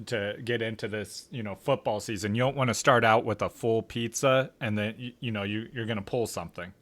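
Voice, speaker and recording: A relaxed man with a somewhat low voice co-hosts a casual sports podcast, joking and laughing easily. He is calling in over a video call from work during his lunch break. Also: fairly quick. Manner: relaxed, laughs often, jokey. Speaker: podcast co-host. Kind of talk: casual fantasy football chat.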